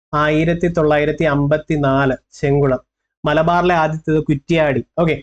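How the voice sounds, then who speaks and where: This is a man with a Kerala Malayalam accent teaching an exam-prep class, his voice pitched a little high for a man. He coaxes his students along, going back over points and asking whether they have them. The recording sounds dull and lo-fi. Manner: coaxing, repeats facts and checks with the listener. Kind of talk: online exam-prep lesson.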